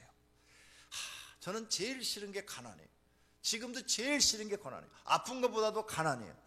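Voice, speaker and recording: A male pastor preaching a fervent sermon, moving from hushed storytelling to shouted exhortation. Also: sits high.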